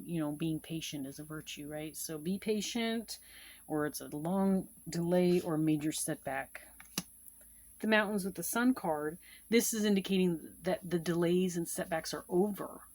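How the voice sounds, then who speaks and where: Woman, lower voice, casual card-reading teacher, repeats points, loose and chatty. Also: darkish tone. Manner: repeats key meanings, with fillers and asides. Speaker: tarot and Lenormand card reader teaching. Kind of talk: casual instructional explanation.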